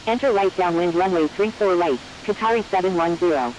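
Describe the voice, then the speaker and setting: A man's voice: high voice, fairly quick, a little hiss or hum. A man speaking as an airline pilot over a cockpit headset radio, reading back instructions in clipped aviation phraseology. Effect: pilot radio transmission from a cockpit headset. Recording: dull lo-fi radio transmission.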